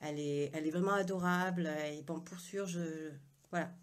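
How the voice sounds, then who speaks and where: A woman's voice: on the low side, fairly even intonation, normal speed. A woman author chatting on a live video stream from her phone, hesitant and full of fillers, with an unusual accent she calls her own. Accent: unusual accent, self-described. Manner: hesitant, many fillers and restarts. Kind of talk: casual live video chat.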